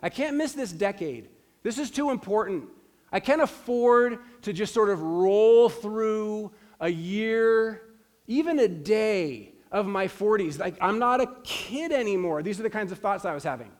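A man's voice: sits high, lively intonation, measured pace. A man in his forties, a pastor preaching a sermon in an earnest, emphatic way, repeating his key phrases. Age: 40s.

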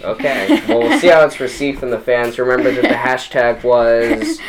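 A man's voice: mid-range voice, fairly even intonation, normal speed, a crowd in the background. A young man in his late teens hosting a casual podcast chat, ranting and talking over the others. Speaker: podcast host.

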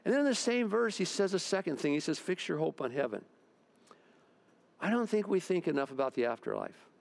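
Male pastor, fairly high voice, conversational sermon delivery. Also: animated, fast, creaky. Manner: conversational, acts out quoted voices. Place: church service.

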